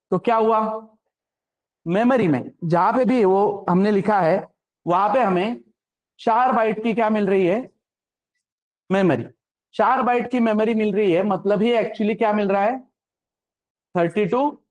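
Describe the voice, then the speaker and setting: Guy teaching coding, pretty high voice, keeps asking "clear?". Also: a little mellow. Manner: keeps checking understanding with quick questions. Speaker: programming instructor. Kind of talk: classroom lecture.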